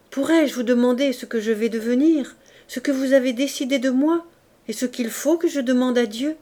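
A woman reading a classic novel aloud in the first person, with tense dramatic expression that sometimes sinks to a hushed whisper. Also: mid-range voice. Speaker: audiobook reader.

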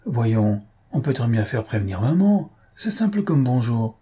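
A man's voice: medium pitch, big pitch swings, a little slow, warm tone, breathy edge, full character voice. Man voicing a teasing young count.

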